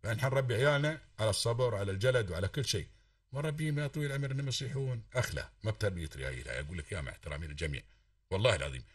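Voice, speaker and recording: A man's voice: lowish voice, very fast, no room sound, studio quality, distant mic. A man with an Emirati accent calling in to a radio talk show, lecturing fervently and swearing oaths to stress his points. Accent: Emirati Arabic. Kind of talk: impassioned call-in talk.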